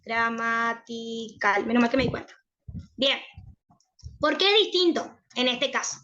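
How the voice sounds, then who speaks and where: A woman's voice: sits high, expressive, normal speed, sharp tone, highs cut off. A woman with an Argentine Spanish accent teaching a university prep logic lesson, checking in with her students after nearly every phrase. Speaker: tutor.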